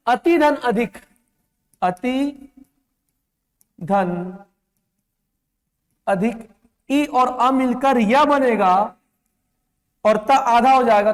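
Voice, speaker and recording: A man teaches an exam-prep class, drilling correct and wrong spellings and stopping often to ask whether students follow. His voice sits very high for a man. The sound carries a long echo, like a large hall. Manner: drills spellings, calls students beta, repeats "clear hai?".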